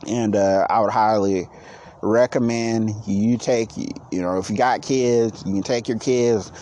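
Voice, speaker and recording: Hosting his own casual podcast, this late-thirties man says his energy is low, and his talk wanders and stalls with many restarts. The intonation stays fairly even, and the tone is darkish.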